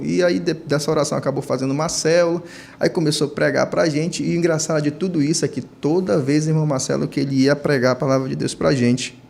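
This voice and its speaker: A man in his thirties with a Brazilian Portuguese accent, a deacon telling his personal testimony on a church podcast, climbing high in pitch when he acts out his own past words. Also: vocal fry. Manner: storytelling, rising to high, animated pitch when quoting himself.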